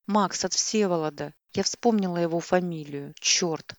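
A woman voicing a distraught young woman who pleads and shouts in agitation, in an audiobook. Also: on the low side, measured pace, no echo, clean studio sound, close to an everyday voice. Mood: frantic.

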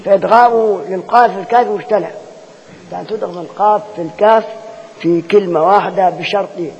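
A man's voice: high-pitched, fairly even intonation, fast, breathy edge. A man with an Egyptian Arabic accent, teaching Quran recitation rules as a lecture, who keeps posing rhetorical questions and repeating each point to drill his students. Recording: dull lo-fi sound with long hall reverb.

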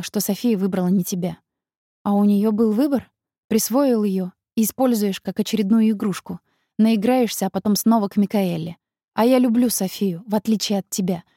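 A woman's voice: mid-range voice, mellow, no room sound, studio quality, close to an everyday voice. A woman reading an audiobook, voicing a jealous, angry young man who accuses his rival. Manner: heated, accusing.

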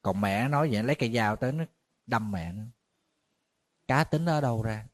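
A man, a Buddhist monk giving a conversational dharma talk, a little tired, animated when he tells stories. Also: medium pitch, a little fast. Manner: conversational storytelling, animated when retelling shouting.

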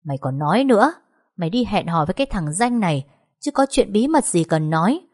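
A woman's voice: mid-range voice, big pitch swings, a little fast, a little mellow. A woman voicing a domineering older mother-in-law, scolding sharply.

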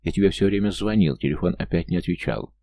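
A man's voice: deep voice, fast, warm tone. A man voicing a desperate male investigator who pleads with a woman on the phone. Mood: pleading.

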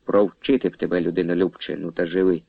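A man doing a scornful, hot-tempered village man, low. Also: level tone, quick pace, vocal fry, breathy edge, no echo, narrow, tinny audio, full character voice. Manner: scornful, threatening.

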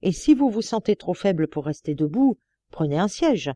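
A woman reading the part of a stern middle-aged male investigating judge, grave and deliberate. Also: on the low side, sing-song, mellow, dry recording. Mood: gentle.

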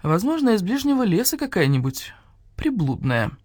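A woman voicing a sensitive, tearful young male badger-cat, soft and whiny. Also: medium pitch, sing-song, normal speed, no room sound, clean studio sound. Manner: soft, whiny, easily hurt.

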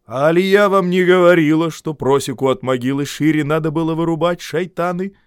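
A man voicing a stern gray-haired peasant mother-in-law with a deep, almost mannish voice, scolding with contempt in an audiobook. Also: brisk, smooth, dry recording, studio quality, natural voice. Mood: scornful. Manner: scornful scolding.

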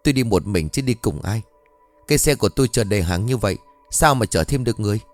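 A man's voice: fairly low pitch, animated, fast talker, soft background music, natural voice. A man voicing a panicked middle-aged market woman who stammers and pleads as she talks. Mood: agitated.

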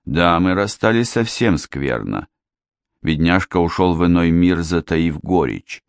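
A male narrator voicing a theatrical, self-pitying widow who talks in a slow, wailing way. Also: sits low, lively intonation, gravelly, clean tone, no room sound, heavily acted. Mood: sobbing.

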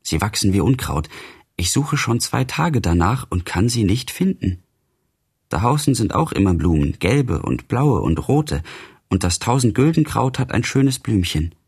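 A man voicing a gentle, confused young madman in an audiobook reading, wistful and childlike in manner. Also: on the low side, big pitch swings, moderate pace, breathy edge, exaggerated voice. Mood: dreamy.

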